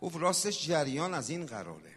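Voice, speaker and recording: A man preaching a sermon, swinging from shouted exhortation to soft, hushed storytelling. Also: fairly high pitch, sing-song, slightly rough. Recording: long hall reverb.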